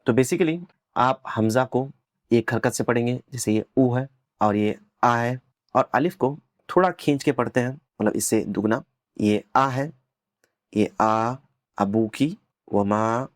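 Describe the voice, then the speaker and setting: A man's voice: mid-range voice, no echo, studio quality. Man teaching, patient drilling of words. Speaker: Arabic teacher. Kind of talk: explaining an Arabic lesson.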